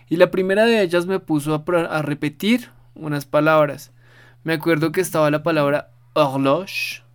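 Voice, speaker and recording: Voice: mid-range voice, smooth. Patient podcast language teacher. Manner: patient, repeats words for practice. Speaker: podcast host teaching French. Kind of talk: casual spoken lesson.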